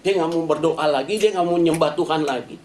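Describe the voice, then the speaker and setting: A man's voice: a little high, fairly quick, a little mellow. Man preaching in an echoey hall. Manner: conversational preaching, many filler "ya" and "saudara". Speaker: pastor. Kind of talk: sermon. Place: church service.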